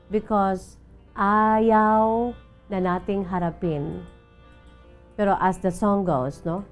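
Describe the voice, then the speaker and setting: A woman radio host, talking slowly and gently to listeners and often checking in with them. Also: medium pitch, fairly even intonation, soft background music. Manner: slow, gentle, mixing Hiligaynon and English, asks listeners "no?". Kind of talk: reflective radio talk with sung snippets. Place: radio studio.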